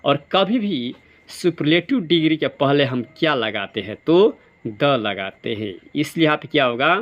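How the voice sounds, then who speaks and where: A male teacher explaining grammar quiz answers. He keeps asking questions and answering them himself, and he reads the example sentences slowly, word by word. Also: medium pitch, a bit bright. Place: classroom or study centre. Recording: dull lo-fi sound.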